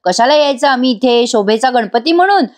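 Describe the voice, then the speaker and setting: A proud, hot-tempered middle-aged uncle who scolds loudly at a family function, read out by a woman narrator. The voice sits a little high and he rattles off his complaints quickly. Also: lively intonation, close to an everyday voice. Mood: angry. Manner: shouting, scolding.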